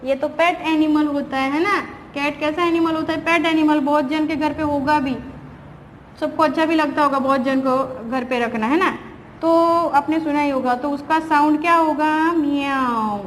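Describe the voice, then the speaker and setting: A woman teaching a primary school class, patiently asking questions and answering them herself, reading English lines slowly. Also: high-pitched, steady tone. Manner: patient, asks and answers her own questions; reads English lines slowly, explains in Hindi. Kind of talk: recorded online class lesson. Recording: reverberant room, faint background noise.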